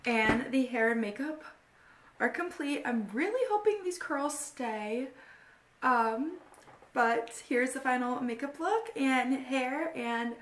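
A woman's voice: high-pitched, lively intonation, takes it slowly, distant mic. A woman in her early twenties chatting casually to a vlog camera in a bubbly sorority-girl manner. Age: early 20s. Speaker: college sorority member vlogging. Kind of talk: casual get-ready-with-me vlog chat. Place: small echoey rooms in an apartment and house. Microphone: handheld or propped vlog camera. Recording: roomy echo, faint background noise.

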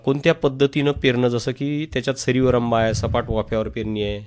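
A man's voice: medium pitch, flat delivery, fairly quick, darkish tone, clear, resonant tone. A man hosting a radio interview, asking long, summarising questions of an expert guest. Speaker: radio programme host.

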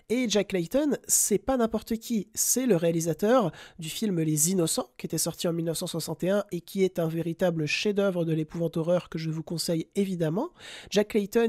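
A man's voice: high voice, mellow, no room sound, clean studio sound. A man hosting a podcast, delivering a film tribute in an earnest, reflective way. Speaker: podcast host.

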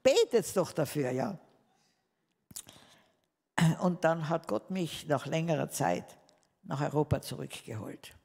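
A woman's voice: low voice, animated, unhurried, gravelly, long pauses, a little mellow, in a large hall. A woman giving a spoken testimony to a live audience, telling her story vividly and calling her listeners dear ones.

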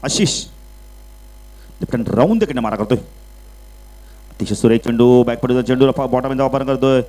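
At a moderate pace, a man commentates live on an outdoor local cricket match over the PA system, mixing English cricket terms into his speech. His voice climbs in pitch and volume on runs and wickets, then relaxes between balls. Audio quality is poor.

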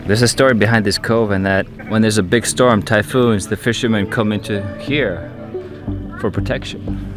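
Young man, from Iceland, travel vlogger, eager, low voice, outdoor beach, handheld camera, background music. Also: steady tone, normal speed. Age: young adult. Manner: enthusiastic, talks to camera. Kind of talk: casual travel vlog. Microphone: camera held at arm's length. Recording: music playing under voice.

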